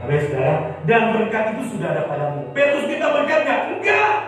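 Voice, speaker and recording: A man preaches with high-pitched, animated delivery, swinging from ringing cries to quiet murmurs. He is heard from a distance in a booming, reverberant church hall. Music plays softly behind him. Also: fast talker. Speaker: pastor. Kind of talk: sermon.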